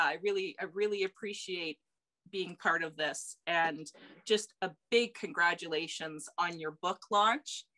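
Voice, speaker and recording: A woman's voice: medium pitch, bright, forceful tone. A woman interviewer on a video call, enthusiastic and chatty with many fillers. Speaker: interviewer and host. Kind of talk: casual interview chat.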